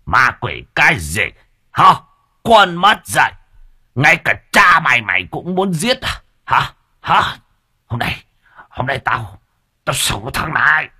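A man playing a hot-tempered older village father who yells threats and barks short questions. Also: on the high side, sing-song, slow pace, pauses often, slightly rough, pitched above the performer's own voice, exaggerated voice. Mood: enraged.

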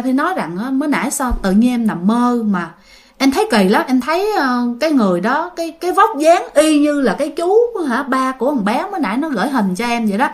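Animated high-voiced Southern Vietnamese woman. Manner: animated, talks straight to listeners. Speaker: ghost storyteller. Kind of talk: casual spoken storytelling.

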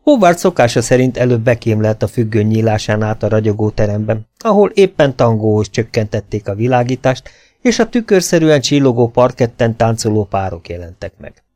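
A man's voice: medium pitch, darkish tone. A man reading a novel aloud as an audiobook narrator. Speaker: audiobook reader. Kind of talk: storybook narration with dialogue.

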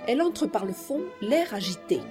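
Woman reader, measured and plain, announces titles and stage directions, voice on the higher side. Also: big pitch swings, music in the background.

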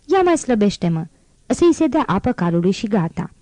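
A woman voicing a gruff angry peddler man. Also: mid-range voice, sing-song, dark tone, no echo, lightly acted. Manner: rough and insistent.

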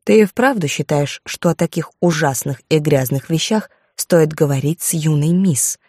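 A woman's voice: low voice, normal speed, a little mellow, breathy edge, no room sound, studio quality. A woman voicing a stern, haughty aristocratic viscountess who speaks in a cold, clipped, commanding way. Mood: severe.

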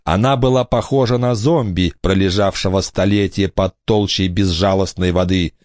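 A man reading a children's adventure story aloud with expressive, theatrical narration. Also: low-pitched, normal speed, no echo, studio quality. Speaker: audiobook narrator.

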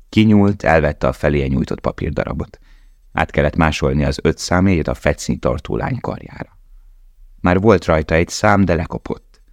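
A man reading a novel aloud in a calm, measured way. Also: extremely low pitch, no echo, clean studio sound. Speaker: audiobook narrator. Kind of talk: scripted narration.

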